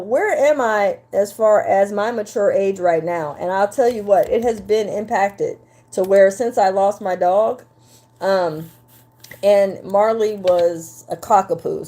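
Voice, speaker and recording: A woman in her fifties, a relationship coach, talking live to her viewers and the chat in a chatty, repetitive way. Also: medium pitch. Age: 50s. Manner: animated, talks straight to the chat, repeats herself. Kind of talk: live-stream talk to viewers.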